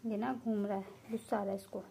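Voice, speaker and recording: A woman's voice: medium pitch, little pitch movement, fast talker, gravelly, dark tone, a little hiss or hum. A woman hosting a casual pet vlog, chatting to viewers and coaxing her cats to come and eat. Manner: coaxing, calls pets by name. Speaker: cat owner and channel host.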